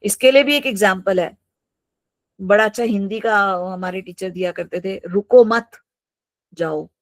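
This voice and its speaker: Woman teacher at a mid pitch, dry close sound, patient example-led lecturing with English terms mixed in. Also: moderate pace, dry recording. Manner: explains terms through worked examples, repeats "absolutely" often; mixes English terms into her talk. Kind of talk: online class lecture.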